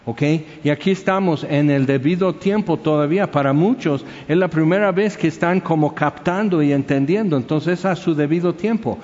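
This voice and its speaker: A man's voice: fairly high pitch, normal speed, hardly any pauses, a little mellow. A man preaching a sermon, telling stories in a conversational way and asking the congregation questions. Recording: dull sound with long hall reverb.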